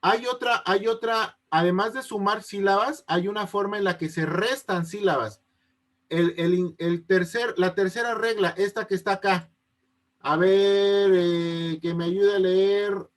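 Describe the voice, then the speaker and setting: A male teacher with a fairly high voice talks through an online lesson over a video call. He explains patiently, step by step, and keeps asking whether the students are following. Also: fairly even intonation, unhurried. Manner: patient, checks often that students understand. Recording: unstable connection.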